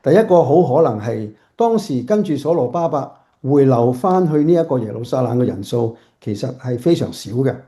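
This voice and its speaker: Male pastor preaching at home, deep mellow tone, halting delivery with restarts. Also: animated. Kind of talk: sermon.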